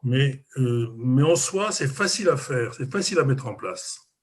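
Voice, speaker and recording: A man speaking in a group discussion, measured, often repeating words while he thinks. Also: medium pitch, expressive, husky. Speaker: club member in a discussion. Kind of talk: casual discussion.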